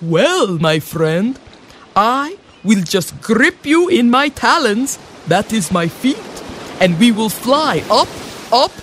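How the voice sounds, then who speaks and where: A woman's voice: a little high, very animated, slow pace, a little hiss or hum. Woman doing a grand, formal vulture. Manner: formal and grand, no contractions, drawn out. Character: smug, cheerful male vulture, carrion eater.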